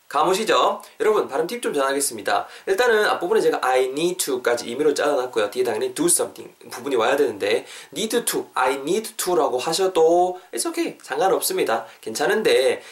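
A man hosting a casual English lesson podcast, lively and playful, acting out little everyday scenes. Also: a little high. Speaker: English teacher and podcast host. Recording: voice a bit far from the mic.

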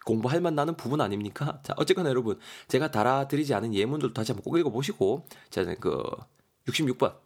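A man's voice: mid-range voice, expressive, fast talker, a little mellow. A man, teaching English vocabulary in a playful, jokey online lesson.

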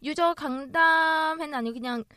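A woman co-hosting a casual podcast, telling stories in a lively, animated way. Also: high-pitched, moderate pace, no room sound, clean studio sound. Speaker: podcast co-host. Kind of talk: casual chat.

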